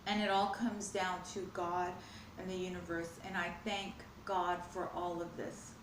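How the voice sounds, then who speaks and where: A woman's voice: on the low side, little pitch movement, measured pace, roomy sound, noisy background. A woman chatting casually in a vlog while eating, earnest and rambling, sometimes talking with her mouth full. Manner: earnest, rambling, spiritual musing. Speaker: mukbang vlogger. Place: home, at a glass table.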